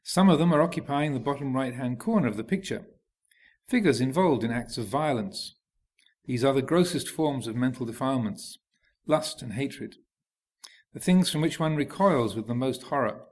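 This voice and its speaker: Calm male monk giving a Buddhist teaching. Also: medium pitch. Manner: unhurried, hesitant, many fillers and restarts while storytelling. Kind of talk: reflective Buddhist teaching narration.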